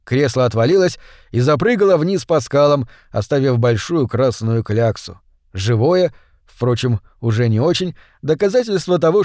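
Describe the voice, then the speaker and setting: A man's voice: medium pitch, a little mellow, dry recording. Man narrating an audiobook, dry sound. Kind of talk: scripted narration.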